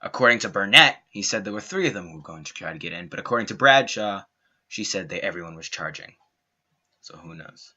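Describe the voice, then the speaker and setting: A young man reading a scripted documentary narration in an earnest, dramatic way, with slow emphatic phrasing. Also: low voice, animated, pushed and bright. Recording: dull lo-fi home mic.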